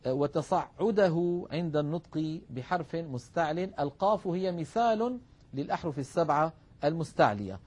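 A man's voice: on the high side, darkish tone. A man teaching Arabic phonetics over slides, patiently addressing viewers and drawing out example syllables for them to repeat. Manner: models sounds aloud, drawing out syllables for the class. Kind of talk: instructional lecture with slides.

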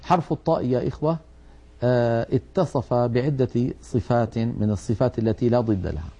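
A man teaches a Quranic recitation lesson in a precise, methodical way, slowly demonstrating how the letter sounds are produced. His voice is mid-range and warm, and the recording's highs are cut off.

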